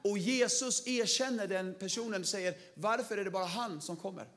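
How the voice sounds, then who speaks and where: A man preaching a lively sermon to a big gathering, energetic and playful, sometimes shouting to stir up the crowd. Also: sits high. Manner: energetic, shouts to rouse the audience, playful slang. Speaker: pastor.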